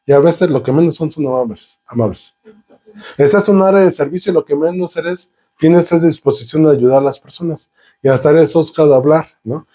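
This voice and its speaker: Preaching a sermon, this man speaks fairly quickly in a mellow, fairly high-pitched voice. He stacks synonyms and rhetorical questions, engaging the congregation directly with questions.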